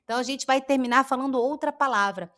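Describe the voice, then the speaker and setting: A woman with a Brazilian accent teaching pronunciation, drawing out and repeating example words slowly. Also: sits high, a bit bright. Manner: slow, drawn-out demonstrations of sounds. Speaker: Spanish teacher. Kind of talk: pronunciation lesson.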